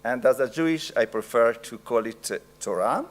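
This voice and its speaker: A middle-aged man with an Italian accent delivers an academic lecture at a medium pitch. His speech is slow and halting, broken by frequent pauses.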